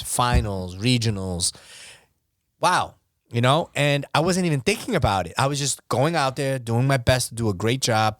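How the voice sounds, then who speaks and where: A man speaking as a guest on a casual podcast, opening up candidly in halting sentences full of fillers that often trail off softer. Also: medium pitch, no echo, clean studio sound. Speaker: podcast guest, basketball referee.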